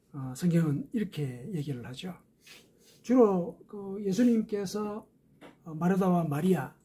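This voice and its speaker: A man's voice: fairly high pitch, mellow, slightly rough. A man preaching a sermon as a pastor, explaining step by step with rhetorical questions.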